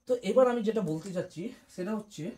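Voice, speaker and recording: A male chemistry teacher giving an exam-prep lesson, repeating key points, checking that students follow, and chanting memory rhymes slowly. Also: sits high, mellow, a little hiss or hum.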